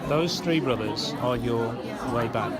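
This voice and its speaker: A man's voice: mid-range voice, unhurried, a loud crowd. Mediating British man, covertly recorded in noisy hall. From United Kingdom. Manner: mediating, explanatory. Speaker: congregation elder. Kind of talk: informal private conversation. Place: large hall indoors with people talking. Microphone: hidden recorder on another person.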